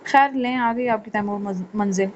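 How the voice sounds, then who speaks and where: A woman reading an audio novel, voicing a blunt, sarcastic young son with a lowered voice. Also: normal speed, highs cut off, a little hiss or hum, close to an everyday voice. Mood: teasing.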